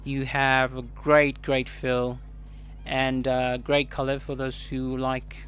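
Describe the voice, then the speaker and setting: A man with a Kenyan East African accent giving casual unboxing commentary as a tech reviewer, haltingly thinking aloud. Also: medium pitch, completely flat delivery, a bit bright, clean tone. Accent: Kenyan English. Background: music.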